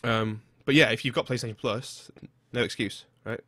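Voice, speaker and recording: A man's voice: mid-range voice, steady tone, moderate pace, a bit bright, dry recording, clean studio sound. A man co-hosting a casual podcast chat, chatty and casually profane. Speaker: podcast co-host.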